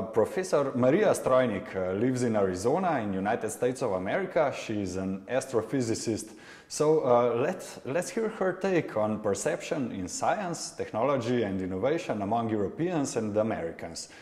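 A man's voice: medium pitch, darkish tone. A male moderator introducing a guest speaker at a festival event, hesitant with fillers. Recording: roomy hall reverb.

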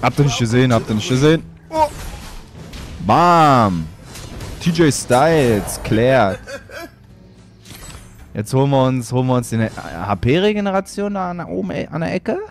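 A man's voice: medium pitch, sing-song, moderate pace, long pauses, faint music behind. A playful trash-talking gamer guy. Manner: playful boastful trash talk. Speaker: let's player. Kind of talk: gameplay commentary.

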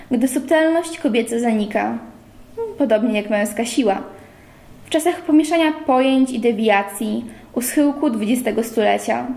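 A woman's voice: fairly high pitch, creaky, a little mellow. A woman reading the lines of a pompous, mock-gallant young man in a roomy space. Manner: wordy, mock-gallant lecturing. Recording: roomy echo.

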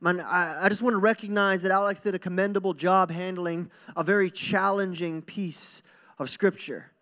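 Speaking at a normal pace, the young preacher uses a high, bright, forceful voice with a steady tone. He addresses his congregation casually and earnestly from a church hall stage, handheld microphone in hand, echoing phrases to drive points home.

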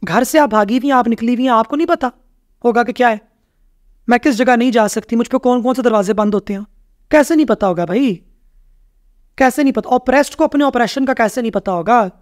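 A woman's voice: fairly high pitch, a little fast, dry recording, clean studio sound. A woman, a guest on a podcast, speaking emphatically in conversation and driving her points home with rhetorical questions and repeated phrases. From Pakistan. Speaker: podcast guest, rights activist. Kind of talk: conversational interview.

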